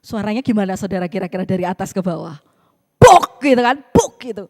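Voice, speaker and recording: A woman's voice: mid-range voice, rapid-fire. A woman pastor tells a story in her sermon, chatting with the congregation and asking them questions. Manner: animated, conversational, asks the congregation questions. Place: church. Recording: reverberant church hall.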